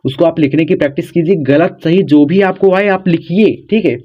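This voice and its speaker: A man teaching viewers how to spell words, who spells letters out slowly and keeps checking in with "okay". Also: a little high. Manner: repeats "theek hai" often, spells letters out slowly. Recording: dull lo-fi sound.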